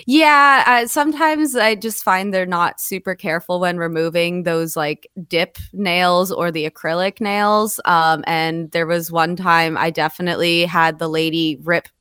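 A young woman co-hosting a weekend radio show, telling stories in relaxed, casual banter and laughing often. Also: fairly low pitch, measured pace, hardly any pauses, smooth, no echo, studio quality. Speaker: radio co-host.

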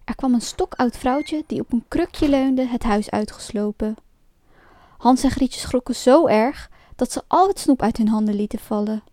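A woman reading a fairy tale aloud as a storyteller, in a lively and expressive storybook manner. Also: on the high side, moderate pace, no echo. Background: faint music.

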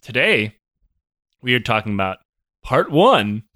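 A man's voice: mid-range voice, very animated, measured pace, bright, forceful tone, no echo. Joking, profane man. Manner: jokey, profane, rambling with many fillers. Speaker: podcast co-host. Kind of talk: casual history podcast chat.

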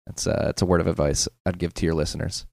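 A man's voice: low voice, steady tone, fast talker, vocal fry, a little mellow, no room sound, studio quality. A man talking as a guest on a casual podcast, hesitant and self-deprecating, with plenty of fillers and restarts.

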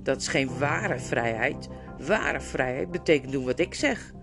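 A woman's voice: a bass voice, expressive, measured pace, music in the background, pitched below the performer's own voice, exaggerated voice. A woman reading a storybook, voicing a scheming, domineering male ape who snaps and sneers. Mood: scornful. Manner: sneering, snapping orders.

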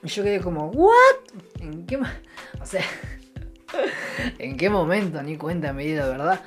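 A man's voice: a little high, a little slow, soft background music. Rambling young Rioplatense guy telling stories. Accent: Argentine Rioplatense Spanish. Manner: meandering, full of restarts and fillers, chuckles at his own jokes; sarcastic, offhand. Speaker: comedian. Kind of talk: rambling stand-up storytelling monologue.

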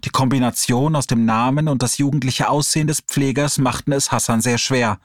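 A man reading an audiobook chapter aloud in a steady storytelling delivery. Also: medium pitch, brisk, dry recording, studio quality. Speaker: audiobook reader. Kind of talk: audiobook narration.

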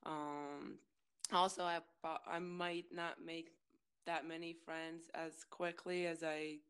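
Low, clear-voiced woman with a Latvian accent. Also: level tone, takes it slowly, fairly bright tone. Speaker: interview guest, former college basketball player. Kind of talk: casual interview chat.

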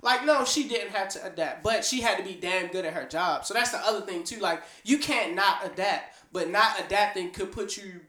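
Bright high-voiced man in an echoey room. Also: moderate pace, few pauses. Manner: informal slangy grammar. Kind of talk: casual podcast chat.

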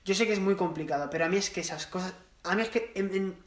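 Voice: medium pitch, fast talker. A co-host, casually giving film opinions with many restarts. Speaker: podcast co-host. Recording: echoey room.

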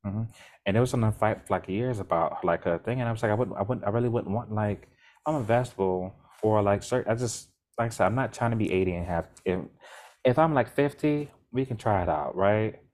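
Speaking a little fast in a lowish voice, a male podcast co-host chats loosely and rambles. He keeps starting over and now and then gets animated.

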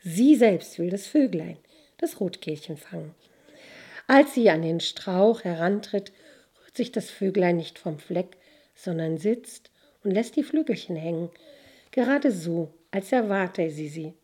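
A woman narrating a fairy tale with expressive storytelling. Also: fairly low pitch, a little slow, husky.

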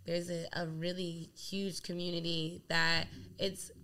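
A young woman from Delaware who works as a DJ chats casually as an interview guest, rambling animatedly and saying "like" a lot. Her voice is on the low side and she speaks a little slowly.

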